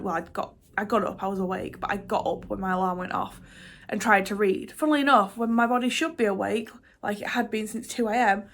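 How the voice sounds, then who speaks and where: Her voice is a little high and fairly bright as this young book vlogger, stuffed up with a cold, talks to her camera. The chat is loose and self-deprecating, full of ums and false starts, as she covers what she's been reading and how hectic her week was.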